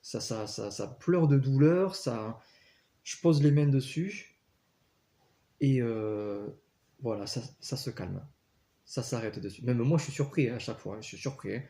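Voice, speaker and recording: Speaking a little slowly in a dark-toned, mid-range voice, a man shares personal stories in a casual, earnest way. His storytelling is full of fillers and false starts, like informal testimony.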